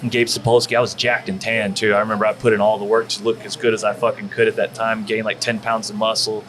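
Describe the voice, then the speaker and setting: Speaking fast and flatly in a fairly low voice, a former professional wrestler from Texas swaps profane, meandering stories packed with fillers as a barbecue restaurant guest. A crowd is audible behind him, and the audio is poor.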